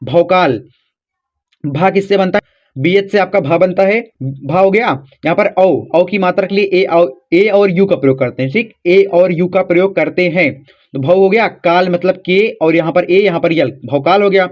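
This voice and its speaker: A man teaches children to spell, step by step, in a patient, repetitive way. His voice sits high, and the recording sounds dull and lo-fi. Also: moderate pace. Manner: patient, repeats rules and checks in with "ठीक".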